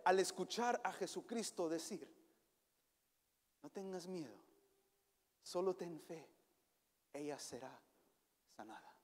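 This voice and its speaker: High-voiced pastor preaching in a reverberant church. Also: male voice. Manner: animated preaching with English words mixed in. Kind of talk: sermon. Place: church hall. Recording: long church hall reverb.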